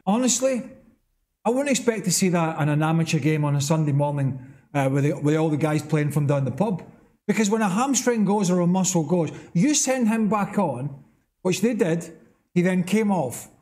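A man's voice: high voice, lively intonation, normal speed, darkish tone. A middle-aged man giving blunt, emphatic football analysis in a TV studio. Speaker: football pundit. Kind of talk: TV studio punditry.

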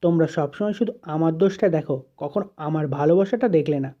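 A woman's voice: low voice, quick pace, warm tone. A man voicing a hurt, defiant young woman, pleading and bitter, in a dull lo-fi recording. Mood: angry.

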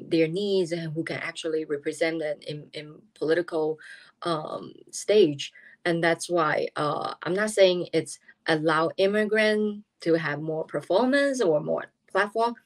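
A woman in her fifties with a Taiwanese accent, speaking in an earnest video interview from a small room at home, halting and searching for words with many fillers. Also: deep voice. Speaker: interviewee, politician. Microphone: video call.

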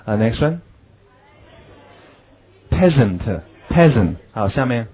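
A man teaching English vocabulary in a classroom lesson, explaining in Chinese and drilling words slowly, with a chuckle at his own asides. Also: mid-range voice, expressive, darkish tone, slightly rough, low-quality recording.

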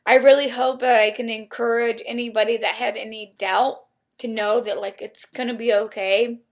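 A woman's voice: a little high, fairly even intonation, normal speed. A young woman with new dentures in, chatting casually to the camera. Her speech sounds a little altered, and she keeps an upbeat, reassuring tone. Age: young adult. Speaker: vlogger.

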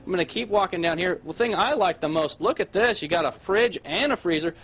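A man's voice: high-pitched, animated, a little fast, a bit bright, a little hiss or hum. Upbeat young male TV field reporter. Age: young adult. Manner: upbeat, chatty promo delivery. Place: outdoors beside an RV on a sales lot, then inside the RV. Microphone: handheld mic.

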